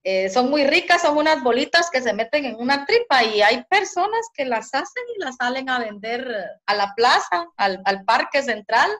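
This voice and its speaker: A woman from Zacapa with an eastern Guatemalan accent and a sing-song, expressive way of talking, a guest in an interview. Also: high voice, normal speed. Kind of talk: casual interview.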